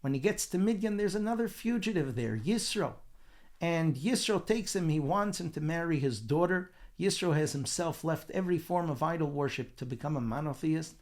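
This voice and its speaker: Man, rabbi, Torah portion talk, lively storytelling, fairly high voice. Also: moderate pace. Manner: animated storytelling with acted quotes.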